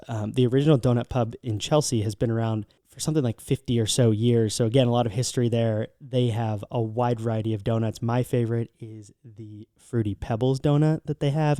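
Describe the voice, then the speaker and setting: A man's voice: mid-range voice, fairly even intonation, a little fast, hardly any pauses, warm tone, no echo, studio quality. An American man co-hosting a podcast, chatting casually as he gives travel recommendations. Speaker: podcast co-host.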